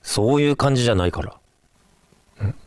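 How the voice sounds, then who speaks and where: A man voicing an unseen spirit-like companion creature who gives low, terse, evasive answers. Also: expressive, a little fast, clear, resonant tone, dry recording, close to an everyday voice.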